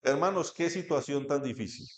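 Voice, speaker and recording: A man's voice: a little high, animated, normal speed. A man with a Colombian Spanish accent preaching a sermon, reading scripture and asking the congregation questions. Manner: asks the congregation questions, reads scripture aloud. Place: church hall. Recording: echoey church room.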